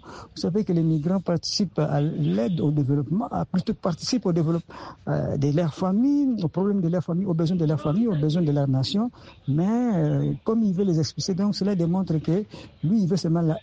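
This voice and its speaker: Earnest male caller, raspy low-toned voice, restates points, muffled lo-fi audio. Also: dark tone. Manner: earnest, repeats and rephrases himself. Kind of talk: on-air opinion. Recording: dull lo-fi line.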